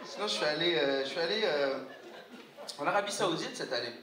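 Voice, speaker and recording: High-voiced man doing stand-up in a roomy hall. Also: animated, a crowd in the background. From Algeria. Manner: playful, jumps into quick parody voices. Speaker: stand-up comedian. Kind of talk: stand-up comedy set. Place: live gala hall with audience. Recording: roomy hall, distant mic, loud noise. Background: audience laughter and ambience.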